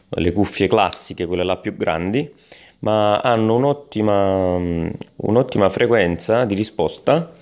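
A man's voice: lowish voice, a little mellow, clean tone. A man giving an unscripted product review voice-over, hesitant, with many fillers and restarts.

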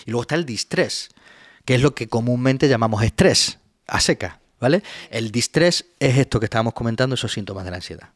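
A man's voice: medium pitch, lively intonation, a little fast, no echo. A man, a psychologist guest, explaining a topic patiently in a webinar and often checking in with his listener.

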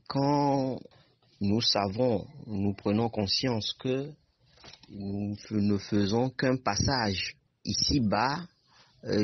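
A husky, fairly low-voiced man talks through a book at a very slow, measured pace. He lays out his ideas one step at a time. The sound is dry and dull, as if from a lo-fi recording. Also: no room sound. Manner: measured and explanatory. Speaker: book presenter. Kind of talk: literary discussion.

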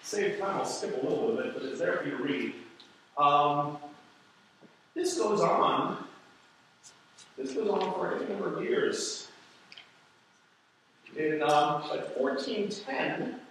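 Man pastor lecturing slow in a church, wry little asides, super echoey and far from the mic. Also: on the high side, animated, fairly bright tone, a little hiss or hum. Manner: digressive, with wry asides and rhetorical questions. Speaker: pastor teaching a church history class. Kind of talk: conversational lecture.

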